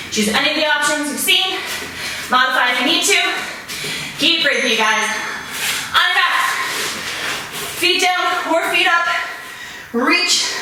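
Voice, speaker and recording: In a small home gym room, a female fitness instructor leads an interval workout, cueing moves in a high-pitched voice. She's encouraging, giving rhythmic short commands like a swim coach. The distant mic catches a very roomy echo and faint noise.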